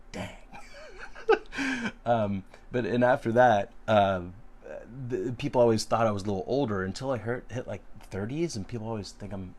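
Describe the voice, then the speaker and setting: A man's voice: fairly low pitch, darkish tone, slight background noise. A man in his late thirties hosting a casual live Q&A, answering viewer questions in a frank, rambling way with frequent fillers and restarts. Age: 30s.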